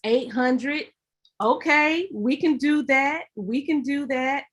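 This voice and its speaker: A woman's voice: sits high, slow, fairly bright tone. A young Southern woman from Alabama hosting a livestream workshop, chatty and upbeat as she greets viewers. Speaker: host of a credit workshop livestream.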